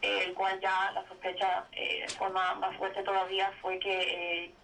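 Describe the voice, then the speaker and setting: A woman's voice: medium pitch, monotone, a little slow, fairly bright tone. A woman calling in to a radio show, talking about her personal life on the phone. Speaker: caller. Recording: distant, noisy phone line.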